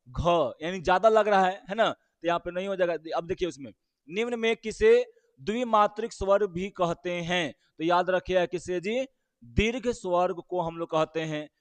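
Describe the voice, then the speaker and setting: A man's voice: sits high, no echo. A male teacher, walking through exam questions and quizzing his listeners with rhetorical questions.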